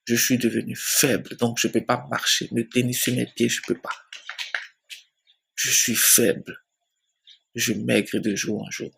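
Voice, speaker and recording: A man telling his personal faith testimony slowly, repeating phrases and often dropping to a soft, near-whispered voice. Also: medium pitch, flat delivery, creaky, husky. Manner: slow storytelling with many repetitions. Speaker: church member giving a testimony.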